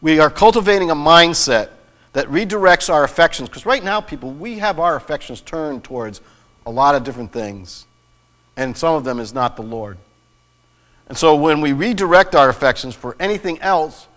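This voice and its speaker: A man's voice: on the high side, fairly bright tone. Man preaching in a reverberant church. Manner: earnest, personal storytelling with restarts. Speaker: pastor. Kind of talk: sermon. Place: church sanctuary.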